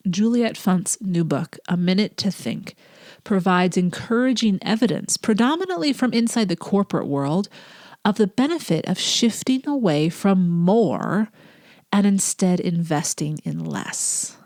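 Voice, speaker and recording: A teacher with a cold hosts her casual solo podcast in a medium-pitched, slightly mellow voice with lively intonation and a measured pace. Her nasal, stuffed-up delivery is earnest and reflective, sometimes dropping into breathy whispers. The studio sound is clean with no echo.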